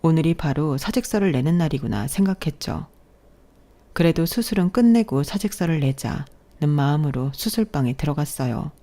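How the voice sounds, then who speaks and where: Woman narrating in a mellow tone. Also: low voice, normal speed. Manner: calm, plain first-person storytelling. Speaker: storyteller. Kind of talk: scripted narration of a listener's story.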